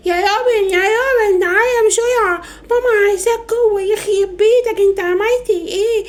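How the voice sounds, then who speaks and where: A woman's voice: very high-pitched, fairly quick, voice pushed up. A woman with an Egyptian Arabic accent voicing a teasing teenage daughter in a comedy sketch, urgently calling her brother.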